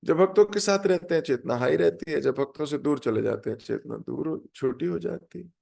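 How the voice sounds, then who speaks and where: A man's voice: a little high, expressive, brisk, vocal fry, warm tone. A man, a spiritual teacher, giving a devotional class and patiently answering questions.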